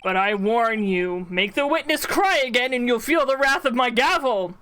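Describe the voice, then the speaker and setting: A woman's voice: fairly high pitch, animated, moderate pace, a bit bright, clean tone, low-quality recording. A woman voicing a doting, blustering, pompous courtroom judge with theatrical delivery in a comedic game read-along. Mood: stern, pompous.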